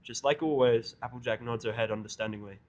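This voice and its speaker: A man narrates a first-person fan story quickly in a mid-pitched voice, his delivery sardonic with a grumbling edge.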